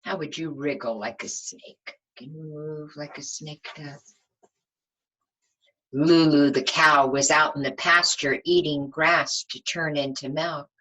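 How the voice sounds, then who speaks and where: Her pitch sits low as she reads a story to a group of young kids, using plain, lively language and pausing to quiz them. This woman is their teacher, and the audio quality is poor.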